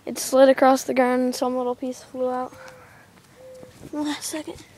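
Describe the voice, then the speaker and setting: Here the offhand narration comes in a high-pitched, somewhat dark voice that barely moves in pitch and runs a little slow. It's an amateur video maker describing actions as they happen outdoors in a yard by a street, recorded on a noisy camcorder.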